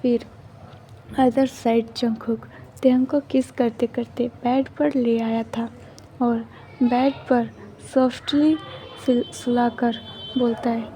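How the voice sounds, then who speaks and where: A woman's voice: fairly high pitch, little pitch movement, slow pace, mellow, slight background noise. A woman retelling a romance fan story in a casual storybook narration, mixing in English words.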